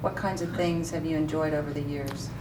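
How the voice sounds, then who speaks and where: A woman's voice: low-pitched, fairly even intonation, fairly quick, a little mellow. A woman hosting a live public television broadcast, interviewing a guest in a polished, promotional way. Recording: distant mic with noticeable noise.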